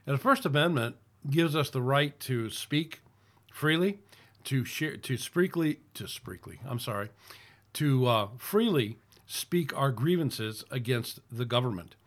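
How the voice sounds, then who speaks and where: A man's voice: medium pitch, expressive, a little slow, fairly bright tone. A middle-aged man from the United States giving casual political commentary as host of his own channel, rambling with frequent restarts and fillers.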